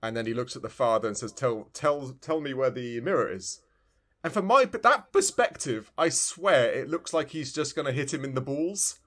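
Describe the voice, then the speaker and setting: A mid-range, fairly bright male voice with lively intonation carries this casual video game talk. The podcast co-host speaks at a moderate pace, rambling with clear enthusiasm.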